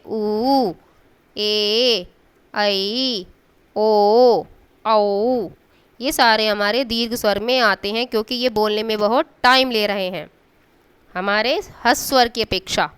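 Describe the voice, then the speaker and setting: Very clear-voiced woman teacher. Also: fairly high pitch, a bit bright. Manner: patient, draws out sounds to demonstrate them; checks in with the class often. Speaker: school teacher. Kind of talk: classroom Hindi grammar lesson.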